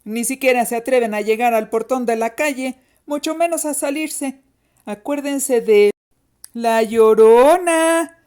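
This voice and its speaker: Woman doing a teasing big sister, high taunting voice, bossy, mocking, storybook. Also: slow, darkish tone. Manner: mocking, teasing, mimicking a strict teacher.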